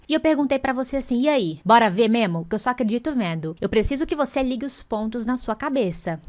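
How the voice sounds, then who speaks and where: Teacher lady, highish voice, explaining english lines real slow then chatting fast. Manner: lively, switches between Portuguese and slow, spelled-out English examples. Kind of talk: online English lesson.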